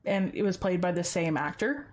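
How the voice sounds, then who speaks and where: A woman's voice: on the low side, lively intonation, fairly quick, a little mellow. A woman hosting a casual true-crime podcast, chatty and filling her sentences with "like". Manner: chatty, heavy use of "like" fillers. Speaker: podcast host.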